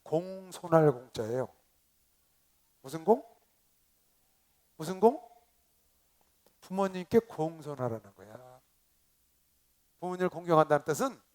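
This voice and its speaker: Pastor, male, high-pitched; sermon delivery, leads call-and-response, jumps from loud to hushed. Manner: emphatic, swings between loud exclamations and quiet asides. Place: convention hall seminar.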